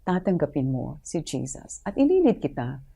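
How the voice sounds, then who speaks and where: A woman pastor giving a polite, measured closing address to viewers. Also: low voice, sing-song, creaky, warm tone, slightly rough.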